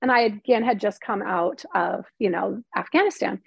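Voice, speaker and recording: A woman's voice: mid-range voice, normal speed, vocal fry, husky, no echo, dull audio. A middle-aged woman, a former TV news reporter and now a novelist, talking candidly in an interview and peppering her story with "like" and "you know". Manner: chatty, heavy use of "like" and "you know", acts out quotes; earnest and candid. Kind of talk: emotional personal storytelling in conversation.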